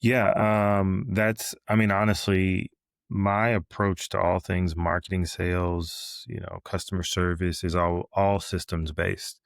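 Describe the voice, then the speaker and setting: A man with a low, deep voice talks through his ideas as a podcast guest. He explains step by step and keeps tagging his points with a quick "right?". The sound is dry and close. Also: level tone, gravelly, no room sound. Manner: frequent fillers and restarts. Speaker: guest, business coach. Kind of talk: podcast interview.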